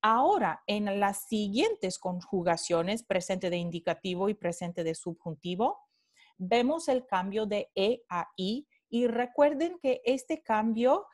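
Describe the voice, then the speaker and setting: A woman lecturing on linguistics over slides, unhurried and deliberate. She often repeats example words slowly and checks in with her students. Her pitch sits in an ordinary middle range. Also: expressive, a little mellow.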